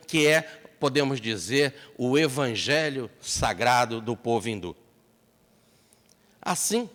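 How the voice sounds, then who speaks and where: A man's voice: medium pitch, long reverb tail. A man giving a spiritist seminar talk, telling stories expressively. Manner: expressive storyteller. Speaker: spiritist lecturer. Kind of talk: seminar sermon with storytelling. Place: lecture hall.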